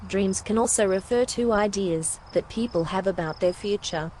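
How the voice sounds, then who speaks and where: A woman with an Australian accent reading an English vocabulary lesson in a clear, careful way. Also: medium pitch, normal speed, a little mellow, a little hiss or hum. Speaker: English teacher.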